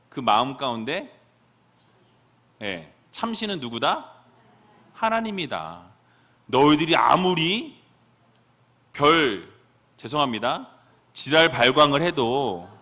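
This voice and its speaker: Animated male preacher, bright tone. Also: a little high. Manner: rhetorical questions to the congregation. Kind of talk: sermon.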